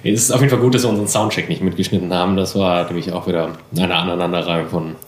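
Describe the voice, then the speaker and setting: Podcast guy rambling along, lots of ums, kinda low voice, roomy echo. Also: steady tone, racing. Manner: rambling, self-deprecating, many fillers. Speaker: podcast co-host. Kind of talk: casual chat. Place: apartment room.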